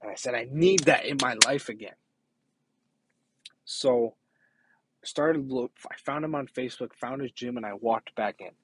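A young man giving a halting, earnest personal testimony, often restarting his sentences. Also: medium pitch, a bit bright, slight background noise.

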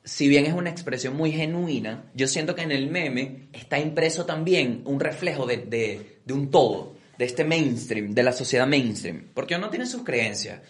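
A man's voice: mid-range voice, lively intonation, moderate pace, few pauses. A young Venezuelan man co-hosting a comedy show, talking casually and acting out bits in put-on voices. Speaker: comedian co-host. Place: stage before live audience.

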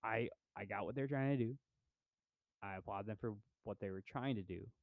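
A young podcast co-host chats casually about movies, laid-back and rambling, with lots of fillers. His voice is on the low side at a normal speed. The sound is phone-quality, with no room sound.

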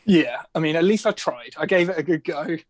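A man's voice: fairly high pitch, lively intonation, fairly quick. Self-deprecating man, interview guest. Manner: self-deprecating, laughs easily, hesitant restarts. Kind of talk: casual interview chat.

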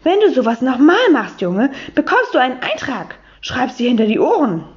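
A woman's voice: sits high, very animated, moderate pace. A woman voicing a sour, strict female schoolteacher with a scornful, scolding manner. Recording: dull lo-fi recording.

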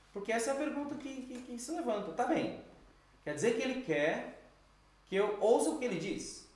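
A man preaching a sermon, telling stories in an animated way and acting out the voices he quotes. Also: high-pitched, very echoey, far from the mic.

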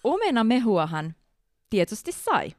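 A woman co-hosting a casual podcast as a flight attendant, telling stories in an animated way and laughing often. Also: fairly high pitch, no room sound, clean studio sound. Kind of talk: casual podcast chat, reading listener stories.

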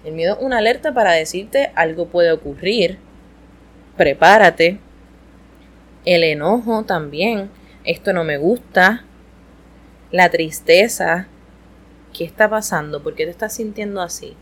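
A woman hosting an educational podcast, explaining in an expressive, conversational way. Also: lowish voice, unhurried, pauses often, poor audio. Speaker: podcast host.

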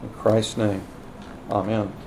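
A man giving a sermon lecture at a pulpit microphone, measured and plain-spoken, with many small fillers. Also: lowish voice, little pitch movement, mellow, slight background noise, rough recording. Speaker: guest preacher and lecturer.

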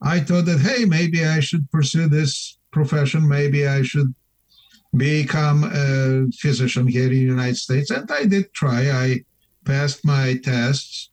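A middle-aged man from Poland with a Polish accent, a new deacon calling in to a radio interview, speaking in an earnest, measured, plain-spoken way. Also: a little high, a little mellow, poor audio. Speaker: newly ordained deacon, guest.

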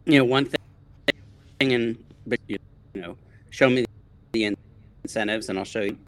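A man with a bright, forceful voice comes through a remote call that keeps breaking up, his audio cutting in and out mid-sentence. He talks haltingly, doubling back and restarting his thoughts as he goes. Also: mid-range voice, no echo. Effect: choppy audio cutting in and out on a remote call. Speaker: guest. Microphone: remote call link.

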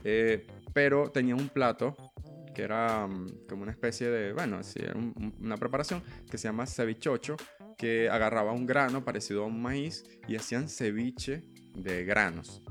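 Venezuelan guy rambling on his podcast, lots of ehs, soft music under him. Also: medium pitch, moderate pace. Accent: Venezuelan Spanish. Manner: chatty, rambling with many fillers and restarts. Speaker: podcast host. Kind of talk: casual monologue.

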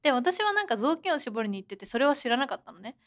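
A woman's voice: sits high, big pitch swings, fast. A young woman co-hosting a podcast, chatting casually and telling stories with plenty of laughter. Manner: chatty storyteller, laughs often, acts out quotes. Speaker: podcast co-host. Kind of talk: casual chat.

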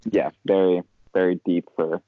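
A man co-hosting a podcast, chatting about a movie and making quick jokes. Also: deep voice, level tone, dry recording. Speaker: podcast co-host. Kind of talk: casual movie discussion. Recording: tinny phone-like dry sound.

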